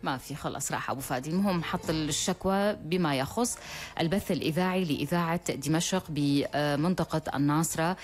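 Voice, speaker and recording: A woman with a Syrian Arabic accent hosting a live radio call-in show, chatting with callers and repeating reassuring phrases. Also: low voice. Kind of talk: live phone-in chat.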